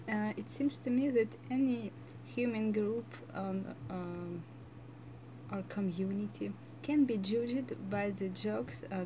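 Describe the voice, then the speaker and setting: A woman with a Russian accent talks through her thoughts in casual commentary, speaking very slowly and pausing often on fillers. Her voice sits at a middling pitch and has a reflective, hesitant manner. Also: warm tone, a little hiss or hum, low-quality recording. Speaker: reaction channel host.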